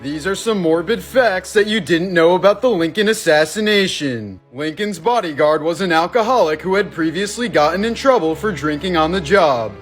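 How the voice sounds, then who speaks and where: A man reading creepy facts and stories in a measured, scripted narration. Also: sits high.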